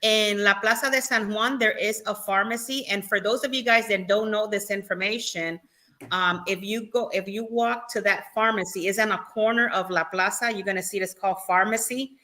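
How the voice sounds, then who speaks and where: Female co-host, bright tone, casual live-stream chatter, quick to laugh. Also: mid-range voice, fairly even intonation. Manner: laughs often, reads viewer questions aloud. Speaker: co-host reading the live chat.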